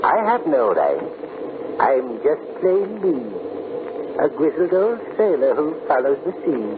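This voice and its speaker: An actor playing a grizzled, gruff old sailor who speaks in cryptic, ominous rhymes in a 1940s radio drama. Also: male voice, a little high, very animated, measured pace. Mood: eerily courteous. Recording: scratchy, tinny 1940s radio broadcast.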